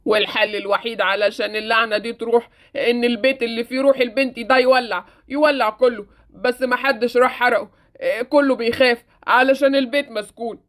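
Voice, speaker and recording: Woman putting on a jittery egyptian shop man, fast confiding talk, Roblox story. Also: a little high, fairly even intonation, lightly acted. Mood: nervous. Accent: Egyptian Arabic. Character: nervous male TV shop owner.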